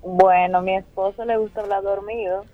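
A woman's voice: mid-range voice, fairly even intonation, normal speed. A woman calling into a radio show and telling an amused story over a phone line. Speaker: caller. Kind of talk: telling an anecdote on a phone call.

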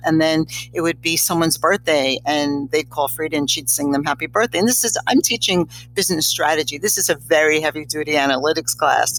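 An older woman with a hoarse, strained voice, talking conversationally as an interview guest. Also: deep voice, a bit bright, poor audio. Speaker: podcast guest, college teacher.

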